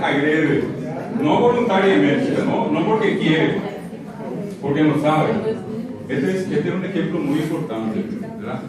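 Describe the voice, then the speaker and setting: A man with a Paraguayan Spanish accent giving an animated lecture, asking questions and answering them himself. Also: a little high. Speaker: conference lecturer. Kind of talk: lecture to a live audience. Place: university auditorium. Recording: echoey hall, heard from far off. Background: audience in the hall.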